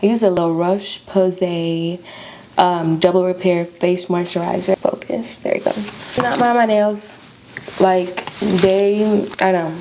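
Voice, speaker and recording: A beauty vlogger and YouTuber from Florida in her early twenties chats casually to viewers while doing her makeup, speaking with an American accent and a slight lisp. Her voice is on the low side and steady, she takes it slowly, and the background is noisy.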